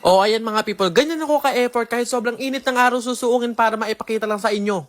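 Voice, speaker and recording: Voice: medium pitch, quick pace. Casual food vlogger, mid-range voice, chatty and laughing, speaks straight to the audience. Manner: chatty, laughing often, addresses viewers directly.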